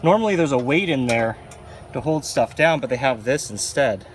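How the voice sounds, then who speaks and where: While working hands-on with equipment, a man who makes hobbyist arcade machine videos talks casually and unscripted, frequently muttering to himself in an offhand way. His mid-range voice is animated and moves at a moderate pace, with background noise present.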